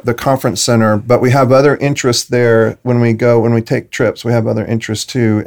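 A man's voice: medium pitch, darkish tone. A man hosting a casual interview, responding briefly and encouragingly. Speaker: host.

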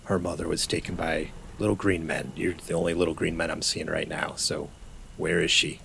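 A man's voice: extremely low pitch, fairly even intonation, moderate pace, vocal fry, bright, forceful tone, a little hiss or hum. A man playing a tabletop game, casual and hesitant, with many ums and uhs. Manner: casual, hesitant, full of fillers. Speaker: player.

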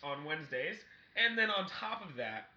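High-voiced, bright man chatting on a podcast. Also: sing-song, normal speed, reverberant, dull audio. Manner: crude, profane, joking. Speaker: comedy podcast co-host. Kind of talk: casual chat.

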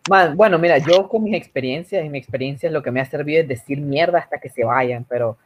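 A man's voice: a little high, fast, slight background noise. A man in a casual group chat, telling rambling stories and acting out other people's voices. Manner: rambling, animated storytelling with put-on voices.

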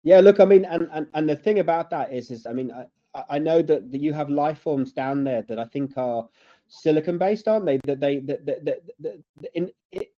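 A man's voice: on the high side, fairly quick, dark tone. A man interviewing casually, rambling and repeating himself as he forms questions. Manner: rambling, stumbling repetitions. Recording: dull, narrow lo-fi audio.

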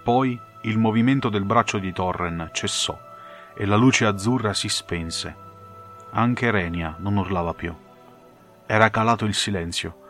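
A man narrating a fantasy audiobook in a measured, dramatic storytelling manner. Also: on the low side, a bit bright.

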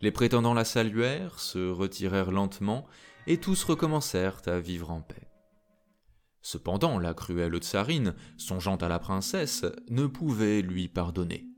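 A man reading a fairy tale aloud in an expressive, dramatic way. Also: low voice, measured pace. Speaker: narrator. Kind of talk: storybook reading. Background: faint music.

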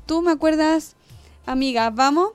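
A woman's voice: high voice, normal speed, no echo, soft background music. A woman with a Chilean accent co-hosting a radio show, bantering playfully in casual chat. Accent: Chilean Spanish.

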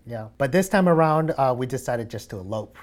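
A man's voice: medium pitch, lively intonation, brisk. A young man in casual conversation, chatty and often laughing, with frequent fillers as he tells a personal story. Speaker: guest sharing a mattress story. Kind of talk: casual chat.

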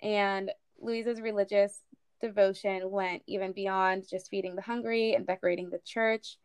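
A woman's voice: mid-range voice, fairly even intonation, moderate pace, smooth, dry recording. A woman co-hosting a casual history podcast, talking in a chatty way with many fillers. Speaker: podcast co-host.

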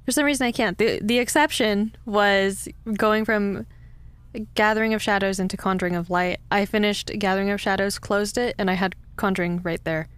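Young woman, from California, podcast co-host, chatty, smooth voice, dry sound. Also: medium pitch, fairly even intonation, normal speed, a bit bright, no echo. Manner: chatty, giggly, tipsy. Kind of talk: casual chat.

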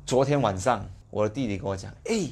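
Man, young adult, Malaysian accent, fairly low voice, rapid delivery, animated exclamatory storytelling, motivational live video host.

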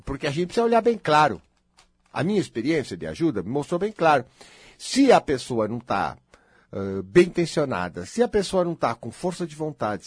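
A man's voice: mid-range voice, a little mellow, husky, no echo, studio quality. A Brazilian man lecturing an audience on spirituality, emphatic and repetitive, driving his points home. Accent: Brazilian Portuguese.

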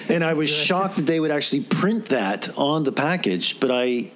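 A man's voice: a little high, lively intonation, measured pace, fairly bright tone. Earnest male podcast guest. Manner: earnest, persuasive, repeats words when searching. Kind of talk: casual conversation.

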